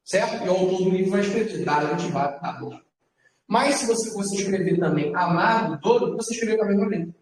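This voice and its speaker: A man teaching Hebrew letters to a class. He talks patiently and repeats words slowly for his students. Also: sits high. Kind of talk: classroom lesson. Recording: echoey classroom from far off.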